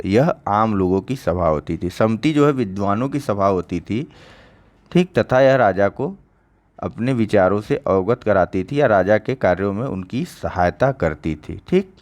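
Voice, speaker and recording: Low-voiced man teaching an exam lesson. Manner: conversational, repeats key answers, checks understanding with "ठीक". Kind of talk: online exam-prep lecture.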